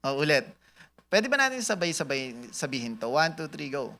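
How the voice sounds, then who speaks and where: A man's voice: on the high side, big pitch swings, normal speed, vocal fry, pushed and bright. A man giving a sermon-style talk to an audience, joking and laughing at his own jokes, quizzing listeners and mixing Tagalog with English. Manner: switches between Tagalog and English mid-sentence. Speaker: church speaker at a business talk.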